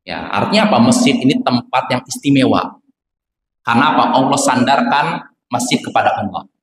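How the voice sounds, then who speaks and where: A man's voice: medium pitch, lively intonation, normal speed. A male Islamic teacher giving a religious lesson to children in a mosque, constantly quizzing his listeners with questions. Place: mosque prayer hall. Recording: echoey hall with faint ambient noise.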